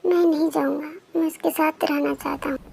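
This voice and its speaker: A woman reading a storybook, voicing a devoted young man who insists loudly. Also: sits high, fairly even intonation, a little fast, gravelly, slight background noise. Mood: insistent.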